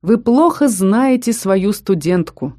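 A woman doing a calm, firm king. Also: sits low, fairly quick. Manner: steady, assured speech.

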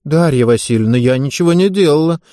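A man's voice: fairly high pitch, animated, fast, mellow, dry recording, clean studio sound, natural voice. A man reading the part of a spiteful older teenage girl gymnast who taunts a younger girl. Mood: whiny.

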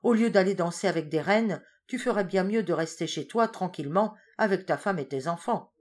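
A woman reading a storybook, voicing a sharp-tongued female tiger who scolds her husband. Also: on the low side, a little fast, close to an everyday voice. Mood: scolding.

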